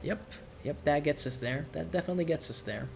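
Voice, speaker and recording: A man's voice: fairly high pitch, brisk, gravelly, a little hiss or hum. Nasal male streamer with a cold. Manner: rambling, relaxed, swears casually. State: congested from a cold. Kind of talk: casual gameplay commentary.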